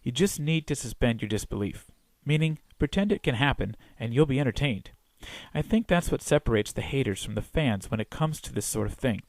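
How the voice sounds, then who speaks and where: A man with a mid-pitched voice reads a scripted film review. His delivery is wry and opinionated, and the sound is very dry and close, with no room echo. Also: animated, a little fast, a little mellow.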